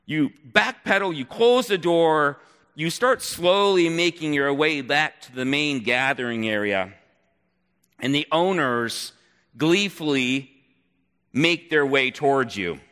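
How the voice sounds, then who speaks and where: A man telling a second-person story in an animated, expressive way, with dramatic pauses. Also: on the high side. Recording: long hall reverb.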